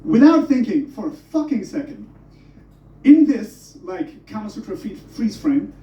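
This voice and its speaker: On a comedy club stage, a German man does stand-up, mocking himself with energy and plenty of swearing. His voice is high and unhurried, and the lo-fi recording, taken from a distant mic, has a roomy sound.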